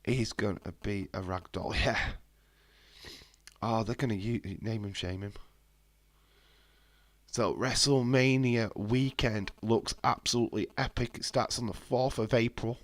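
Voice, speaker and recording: A wrestling watch-along streamer with a head cold chats casually and bluntly on a live stream, cursing freely and responding to viewer messages. His voice is fairly low and steady, his pace unhurried, and there's no echo.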